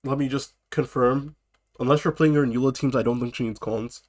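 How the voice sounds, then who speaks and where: A man's voice: mid-range voice, steady tone, a little fast, darkish tone. A man sick with a cold chatting casually on a live stream, greeting viewers and breaking off to laugh and cough. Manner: laughs and coughs between phrases; chats loosely with viewers.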